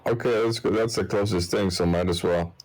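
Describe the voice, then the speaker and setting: A man's voice: deep voice, fairly even intonation, fairly quick, a little mellow. A man chatting casually as a player in a tabletop game.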